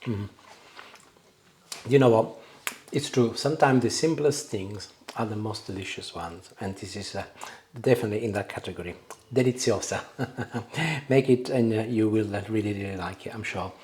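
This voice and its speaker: A man's voice: lowish voice, normal speed, darkish tone. A man chatting casually as he demonstrates cooking, savouring the food. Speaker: cooking show host. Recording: clear background noise, kitchen clatter.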